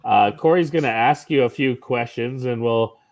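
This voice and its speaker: A man's voice: mid-range voice, moderate pace. A man co-hosting a casual chat show, friendly as he thanks and welcomes guests. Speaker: co-host.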